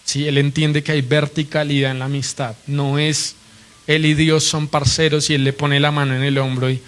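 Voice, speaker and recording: A man's voice: a little high, flat delivery, moderate pace, fairly bright tone, clean tone. A man preaching a sermon, earnestly and reverently teaching, often asking his listeners questions.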